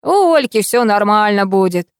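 A woman's voice: mid-range voice, lively intonation, moderate pace, no room sound, studio quality, close to an everyday voice. A woman voicing a gloomy, grumbling old grandfather in an audiobook. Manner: grumbling, sorrowful.

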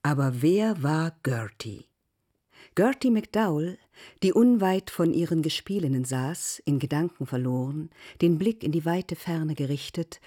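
A narrator giving a measured, softly expressive literary radio reading. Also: mid-range voice.

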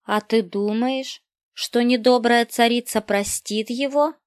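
A woman reading aloud, voicing a kind, soft-spoken middle-aged empress, in a dry close recording. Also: fairly high pitch, fairly even intonation, measured pace, no echo, pitched above the performer's own voice, natural voice. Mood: teasing.

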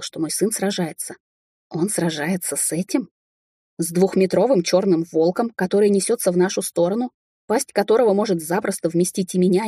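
A woman with a warm, mellow voice carrying a slight husk, narrating a fantasy novel in the first person. Her storytelling is lively and emotional, and the recording sounds dry and close. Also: on the low side, husky, no room sound. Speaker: audiobook narrator.

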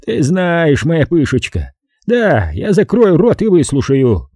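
Brief: hoarse, blustering studio boss, pushed up high and loud as a man voices him in an audiobook. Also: big pitch swings, slow pace, dry recording, exaggerated voice. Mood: placating. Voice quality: hoarse, bellowing. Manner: shouts and gloats.

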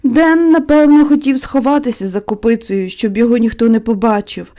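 A woman narrating a classic novel as an audiobook in a calm, measured storytelling voice. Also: on the high side.

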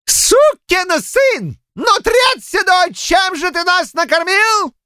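A furious young village woman, voiced by a male audiobook reader, shrieking and wailing. The pitch sits high above a man's voice. The recording is dry and close. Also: sing-song, slow pace, bright, forceful tone, no room sound, full character voice.

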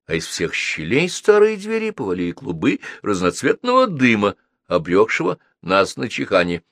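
A man narrating a children's story aloud in an animated, theatrical reading. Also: deep voice, dry recording, clean studio sound. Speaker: audiobook narrator.

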